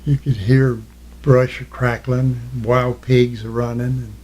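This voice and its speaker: An elderly man, a war veteran, remembering his service in an interview, halting as he recalls and answering in short, plain phrases. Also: mid-range voice, level tone, a little mellow, low-quality recording. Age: elderly, 80s or older. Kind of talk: reminiscing in an oral history interview.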